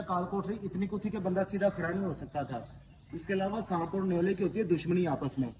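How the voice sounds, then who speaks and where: Far from the mic and with background noise around him, a high-voiced male tour guide leads listeners in and out of doors through an old stone fort's echoey halls. His explanations come with checks on whether the listener is following.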